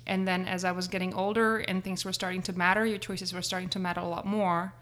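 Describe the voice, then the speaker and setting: A woman's voice: fairly low pitch, little pitch movement, quick pace, a bit bright. A middle-aged woman from the Czech Republic with a Czech accent, speaking conversationally as an interview guest. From Czech Republic, grew up in Prague. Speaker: interview guest, real estate agent.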